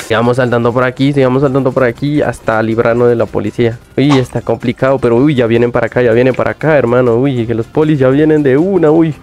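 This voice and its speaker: A young man commentating his gameplay in an excitable, rowdy way, with constant startled yelps and quick laughs. His voice sits at an everyday middle pitch and shoots up when the action surprises him. Faint music plays underneath. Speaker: gaming youtuber.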